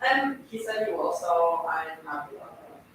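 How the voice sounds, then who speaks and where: While cooking at home, a young woman from Turkey chats with her live stream viewers and talks to the food, giggling and chattering away. Her lowish voice is very animated and fairly bright at a moderate pace. She's far from the mic in an echoey kitchen, with a little hiss or hum.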